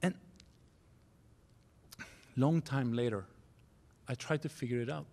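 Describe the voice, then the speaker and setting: A man in his forties from Norway with a Norwegian accent, giving a keynote speech at a university podium, earnest and halting, restarting phrases in non-native English. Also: mid-range voice, vocal fry, darkish tone. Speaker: keynote speaker. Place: university auditorium stage. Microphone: podium microphone.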